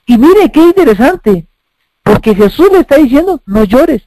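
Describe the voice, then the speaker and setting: A man's voice: very high-pitched, very animated, moderate pace, warm tone, no room sound, low-quality recording. A man preaching a sermon, emphatic, asking rhetorical questions and repeating phrases.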